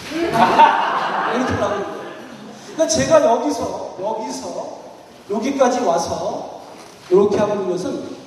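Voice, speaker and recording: A man's voice: sits high, a little mellow, a little hiss or hum. A man giving an interactive church seminar lecture, questioning the audience and acting out anecdotes. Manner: questions the audience and calls on people by title; tells anecdotes, acting out quoted lines. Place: large echoing hall with an audience. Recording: echoey hall, voice from far off.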